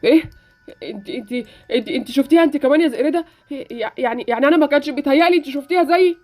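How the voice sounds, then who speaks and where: A woman plays a headstrong boy in a Roblox story drama, with an Egyptian accent. He rattles his lines off very fast and keeps pressing his point. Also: high voice, mellow, faint music behind, close to an everyday voice. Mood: urgent. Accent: Egyptian Arabic. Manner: fast, insistent pleading. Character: stubborn boy hero, warning everyone.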